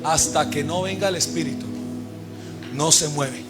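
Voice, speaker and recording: A male pastor preaching a sermon to his congregation. He keeps firing questions at them and has them finish his sentences, swinging from loud emphasis to quiet asides. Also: a little high, a little slow, music in the background. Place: church service.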